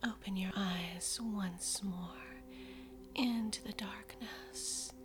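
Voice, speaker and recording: A woman's voice: medium pitch, steady tone, slow pace. A woman doing a whispered role-play of hypnosis, intimate and seductive, soothing commands breathed as if right into the listener's ear. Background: music with singing bowl tones.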